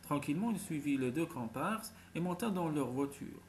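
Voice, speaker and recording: A man calmly reading a fantasy short story aloud as narrator. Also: on the high side, normal speed, a little hiss or hum.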